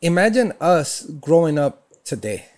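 A man co-hosting a casual chat, talking in animated, blunt, profane banter. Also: a little high, measured pace, dry recording. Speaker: podcast co-host.

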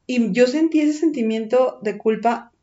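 A woman with a Mexican accent tells a personal story in casual chat, animated and full of slang and swearing. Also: on the high side, unhurried, lo-fi sound.

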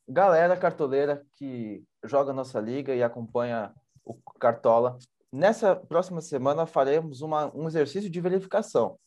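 A man's voice: medium pitch, moderate pace, a little mellow, lo-fi sound. A man co-hosting an informal news show, teasing his partner and explaining terms. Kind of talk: informal political news commentary.

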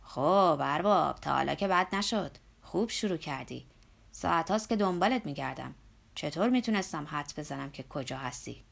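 A woman voicing a blunt, earthy older male laborer in an audiobook, speaking low and loud with a scolding manner. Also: expressive, gravelly, heavily acted. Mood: teasing. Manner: lower pitched, loud and scolding. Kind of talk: audiobook character voice.

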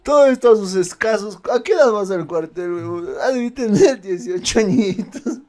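Podcast co-host, man, slightly high voice, crude joking banter. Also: lively intonation, darkish tone. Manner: crude joking interjections, quick riffs. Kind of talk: casual comedic banter.

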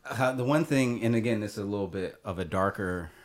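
A man on a podcast panel, speaking thoughtfully and in a measured way, with frequent restarts. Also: lowish voice. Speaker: panel guest. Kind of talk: casual podcast discussion.

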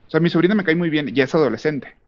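A man's voice: fairly high pitch, racing, lo-fi sound. A Mexican man chatting casually as a podcast co-host, rambling with slang and frequent restarts. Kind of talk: casual group chat.

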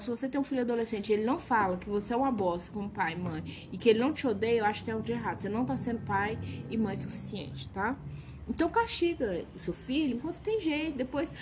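A woman's voice: fairly high pitch, a little mellow, slight background noise. A woman with a Brazilian accent giving informal devotional teaching, reading a verse and then commenting on it in a blunt, emphatic way. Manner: blunt and emphatic, scolding asides. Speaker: Bible teacher.

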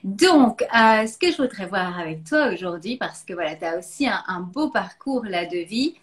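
A woman's voice: medium pitch, lively intonation, normal speed. A woman from Belgium hosting a live online interview, chatty and friendly, with many hesitations. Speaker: host.

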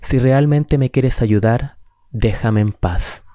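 A man's voice: mid-range voice, takes it slowly, dark tone, no echo, close to an everyday voice. A man voicing a tired, sullen husband who answers in curt, dry lines in a storybook reading. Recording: dull, dry lo-fi recording.

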